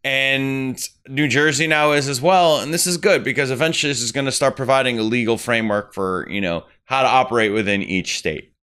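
Man, podcast co-host, casual chat, rambling, bright tone, smooth voice. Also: mid-range voice, a little fast, few pauses. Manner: rambling, self-correcting.

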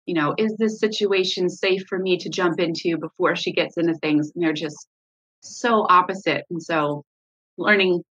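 A woman's voice: fairly low pitch, normal speed, fairly bright tone, slightly rough, lo-fi sound. A woman, a mother, talking candidly in an interview about her parenting, with many fillers and restarts. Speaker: parent guest sharing her story.

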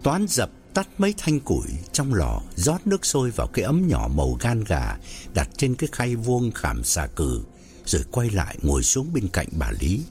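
Male narrator, ghost story, measured pace, very lively pitch, soft music behind.

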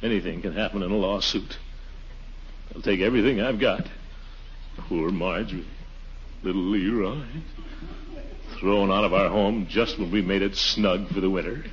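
An actor playing a pompous, anxious middle-aged uncle in a blustering, theatrical 1940s radio comedy style. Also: male voice, on the low side, unhurried, pauses often, lightly acted. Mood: gloomy. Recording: dull, noisy 1940s radio recording.

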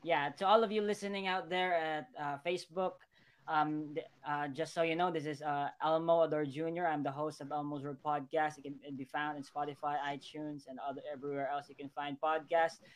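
A man's voice: fairly high pitch, little pitch movement, fairly quick, clean tone. A man hosting a casual live podcast interview. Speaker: podcast host.

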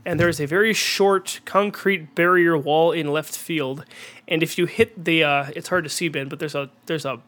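A young man with a cold, sounding congested and clearing his throat, hosting an excitable amateur commentary on a baseball video game. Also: on the high side, normal speed. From Minnesota. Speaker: host and play-by-play announcer.

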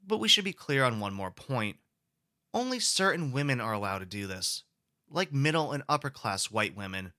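A man's voice: mid-range voice, very animated, moderate pace, pushed and bright, dry recording, clean studio sound. A man giving a recorded history lecture in an explanatory way, posing rhetorical questions to the class.

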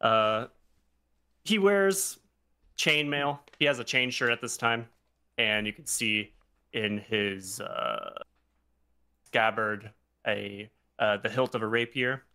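Bright-voiced man describing his character. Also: lowish voice, smooth. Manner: playful, laughing, drawn-out descriptions. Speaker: player.

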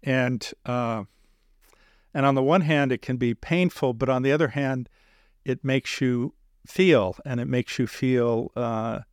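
A man hosting an interview, speaking in a measured, earnest way with many pauses and filler sounds. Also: mid-range voice, fairly even intonation, clear, resonant tone, dry recording, studio quality. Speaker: podcast host interviewing a guest. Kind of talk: reflective interview talk.

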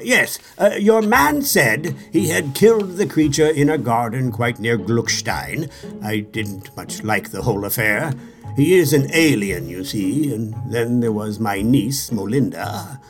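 A man's voice: mid-range voice, animated, measured pace, soft background music, voice pushed down. A man voicing a sulky, pompous old king who rambles and grumbles. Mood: sulky rambling. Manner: rambling, grumbling, pleased with himself. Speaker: storybook king voiced by narrator.

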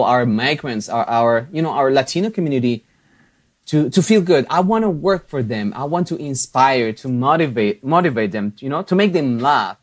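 A Spanish-speaking Mexican man, himself a TV and radio host, answers questions as an interview guest in a medium-pitched voice. His manner is lively and chatty, with frequent laughter, fillers, and restarts.

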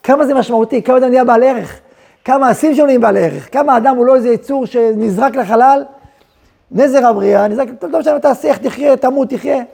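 A man teaching a Torah lesson in a high, gravelly and very husky voice with a mellow tone. He tells it with energy, acting out the people he quotes and firing rhetorical questions at his listeners. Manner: animated, acts out quoted speech and asks rhetorical questions. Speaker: yeshiva head rabbi teaching.

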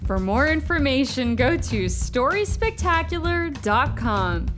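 A woman's voice: high voice, sing-song, measured pace. A woman hosting a children's story podcast, reading scripted promotional narration. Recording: music behind the voice.

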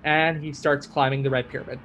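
A man's voice: medium pitch, little pitch movement, fairly quick, a bit bright, muffled recording, a little hiss or hum. A man hosting a podcast and recapping a story in a casual, chatty way with many fillers. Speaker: podcast host.

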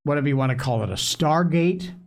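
A man hosting an opinionated news commentary show, speaking emphatically with dramatic pauses straight to his listeners. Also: on the high side, expressive, vocal fry. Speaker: show host.

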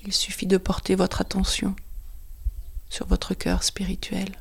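A woman's calm, breathy voice carries a guided meditation, often sinking almost to a whisper as she speaks in short, paused phrases. The voice is mid-range, and her delivery is completely flat.

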